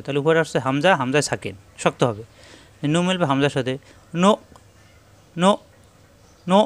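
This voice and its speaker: Patient man teaching recitation, fairly high voice. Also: a bit bright. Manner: repeats syllables slowly and emphatically, patient instructing tone. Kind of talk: tajweed lesson, modeling pronunciation.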